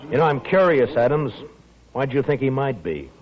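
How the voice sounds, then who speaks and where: An American actor playing a stern, dogged, terse town marshal in a 1950s radio western. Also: male voice, mid-range voice, big pitch swings, brisk, close to an everyday voice. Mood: cool, challenging. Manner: terse, probing, authoritative. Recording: muffled vintage 1950s radio recording.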